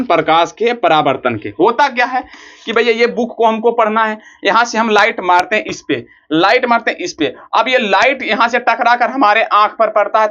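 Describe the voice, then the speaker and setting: A man's voice: sits high, a bit bright. A man teaching a physics lesson in a rustic, joking way, asking questions and answering them himself. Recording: dull lo-fi recording.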